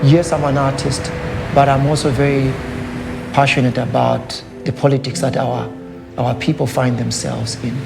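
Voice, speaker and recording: In a documentary interview with loud music playing behind him, a gravelly-voiced man speaks thoughtfully and measuredly, pausing and using fillers. He is an artist from Zambia whose first language is Lugala, and his mid-range voice is flat in delivery.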